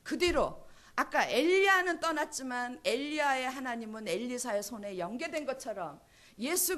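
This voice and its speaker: A woman's voice: high-pitched, fairly bright tone. A woman preaching a sermon at a church service, emphatic and full of rhetorical questions. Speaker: pastor's wife preaching.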